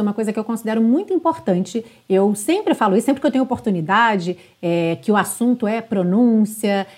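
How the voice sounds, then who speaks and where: Slow, careful woman teacher. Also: on the high side. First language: Portuguese. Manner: patient, repeats phrases slowly and checks in with "tá?". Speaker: English teacher. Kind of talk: pronunciation lesson, modeling sung lines slowly.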